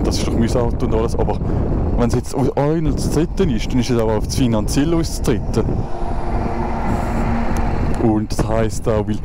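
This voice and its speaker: Swiss german guy talking while riding. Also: fairly low pitch. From Switzerland. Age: 20s. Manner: rambling, many restarts and fillers. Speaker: motovlogger. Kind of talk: casual motovlog commentary while riding. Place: outdoors on a motorcycle in traffic. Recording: road and wind noise behind the voice.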